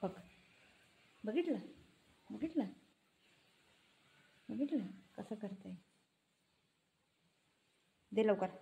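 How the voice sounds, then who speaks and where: A woman's voice: mid-range voice, lively intonation, extremely slow, creaky, long pauses, warm tone, highs cut off, a little hiss or hum. A woman, coaxing and scolding her pet dog in repeated short commands. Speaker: pet owner.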